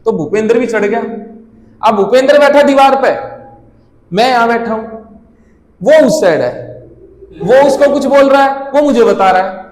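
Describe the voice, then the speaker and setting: Young guy doing standup, really high voice, echoey hall w/ long reverb, animated and crude. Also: moderate pace, pauses often. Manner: animated, acts out friends' lines, swears freely. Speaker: stand-up comedian. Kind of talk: stand-up storytelling.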